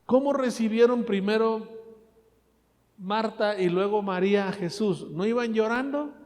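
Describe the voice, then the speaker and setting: A man preaching a sermon, asking the congregation questions and swinging between loud and soft. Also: sits high, measured pace, long reverb tail. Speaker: pastor.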